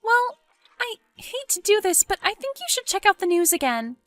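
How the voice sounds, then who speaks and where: A woman voicing an excitable, pushy young woman friend in an animated story, exclaiming and goading. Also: very high voice, normal speed, soft background music, voice pushed up, full character voice. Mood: worried.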